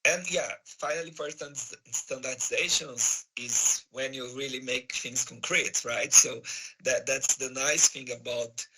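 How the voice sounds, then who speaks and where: A man with a hoarse, sore-throated voice giving an informal panel answer, searching for his words as a guest speaker. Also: mid-range voice, steady tone, measured pace, noisy background.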